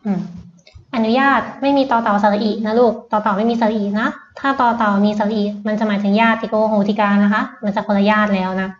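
A woman's voice: medium pitch, fairly even intonation, roomy sound, highs cut off. A woman English tutor with a Thai accent, teaching children vocabulary patiently and repeating each word. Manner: patient, repeats words slowly. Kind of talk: slow vocabulary lesson for children.

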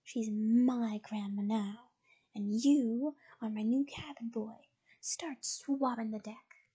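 A woman voicing a bossy, menacing pirate captain in a low, slow growl for a storybook reading. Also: fairly even intonation, dark tone, slightly rough, full character voice. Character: gruff boss pirate man, bossy and menacing.

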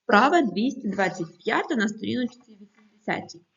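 A woman teacher gives a recorded lesson to young pupils in a fairly high, lively voice that rises and falls a great deal. She speaks clearly and patiently and stresses each number as she reads. The sound is dull and lo-fi. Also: a little fast. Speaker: primary school teacher.

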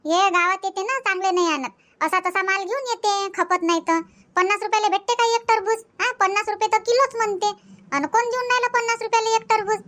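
A woman's voice: very high voice, a little fast. A woman voicing a nagging, thrifty old village grandmother in a cartoon. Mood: scolding. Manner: nagging, sharp-tongued.

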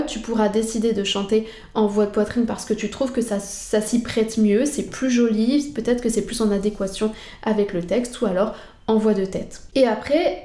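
French singing teacher with a fairly high voice. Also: female voice, dark tone, reverberant. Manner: patient, explanatory, tutoring the viewer directly. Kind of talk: singing lesson explanation.

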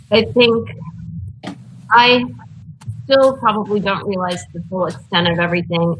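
A woman speaks slowly and hesitantly over a video call, stopping often to find her words. Her pitch sits in the middle range. A faint hiss runs under her voice. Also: a bit bright, poor audio. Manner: thoughtful, hesitant, many fillers. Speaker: committee member.

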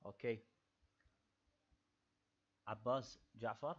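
A native Arabic speaking man coordinating an online class, calling on participants with brief, quiet remarks. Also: mid-range voice, fairly even intonation, extremely slow. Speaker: meeting coordinator. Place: video call. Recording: dull hissy video-call audio.

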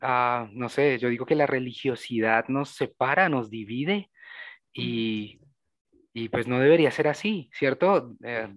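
A man's voice: medium pitch, unhurried, no room sound. A man, a teacher hosting a casual interview, asking thoughtful questions with hesitant fillers. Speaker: host and teacher.

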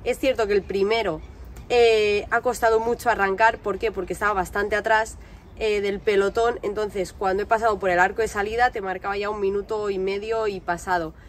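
A woman's voice: mid-range voice, steady tone, a little fast, a little hiss or hum. A woman in her twenties with a Spanish accent from Spain, giving a casual recap to a camera outdoors. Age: 20s. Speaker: vlogger and amateur runner. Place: outdoors by parked cars on a street.

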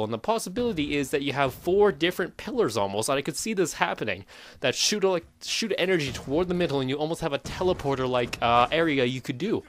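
A young man talking through a gaming commentary in a casual, rambling way, full of fillers and self-corrections. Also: fairly high pitch. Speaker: gaming YouTuber.

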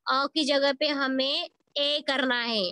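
A woman with a high, steady voice teaches a school Hindi grammar lesson online, speaking slowly with a sharp tone. She asks questions and answers them herself, calls her pupils beta, and mixes English words into her Hindi. It's a video call recording with no room sound.

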